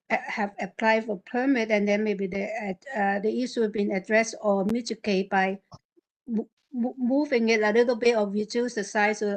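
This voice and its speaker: A woman on a planning committee giving halting remarks, often repeating words. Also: mid-range voice, poor audio. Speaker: committee member. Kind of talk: formal hearing remarks.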